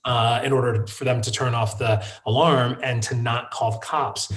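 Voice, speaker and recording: A man guest speaking in an interview, telling a long personal story at his own loose pace. His voice sits at a middling pitch, and he halts often, circling back with fillers and restarts as he works through the memory. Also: fairly even intonation, fairly bright tone. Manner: halting, many fillers and restarts. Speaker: guest, wine shop founder. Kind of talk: conversational storytelling.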